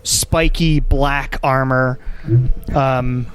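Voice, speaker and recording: A man's voice: medium pitch, steady tone, a bit bright, clear, resonant tone. A man working as game master, improvising tabletop narration and chatting casually, often feeling for his words. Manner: halting, searching for words as he describes scenes.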